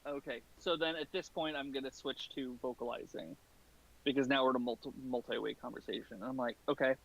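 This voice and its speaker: A man playing a tabletop role-playing game, talking casually and haltingly as he improvises. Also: medium pitch, steady tone, gravelly, a bit bright, rough recording.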